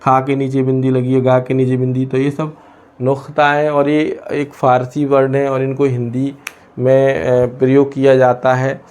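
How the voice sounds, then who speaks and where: A man teaching a lesson from India, pausing often and asking questions he then answers himself. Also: medium pitch, monotone, a little mellow. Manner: asks and answers his own questions, many hesitations. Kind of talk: explaining a lesson.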